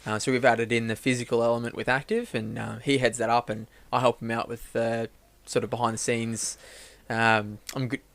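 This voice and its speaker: A man's voice: medium pitch, brisk. A young man who works for a church, chatting casually and telling a long rambling joke, full of fillers and restarts. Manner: relaxed, lots of fillers and restarts. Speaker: church staff member and podcast co-host.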